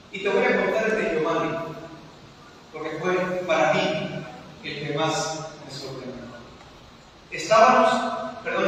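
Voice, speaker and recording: A pastor from Mexico, a man with a high voice, tells a dramatic story from the pulpit and drops his voice low for the tense moments. He is heard from a distance in a large church hall with a long, booming reverb and faint ambient noise. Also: pushed and bright. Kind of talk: sermon storytelling. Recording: distant mic in echoey hall.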